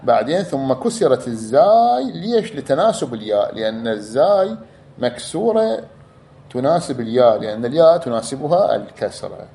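Man, teacher, mid pitch, repeats words, slow drawn-out examples. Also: big pitch swings, vocal fry, warm tone, slight background noise. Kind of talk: explanatory lecture.

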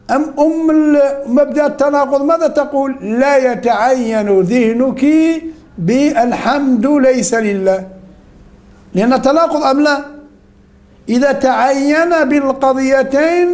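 A male teacher leading an interactive class, firing questions at students, then praising or correcting their answers, and slowly repeating the key points. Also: very high-pitched, darkish tone.

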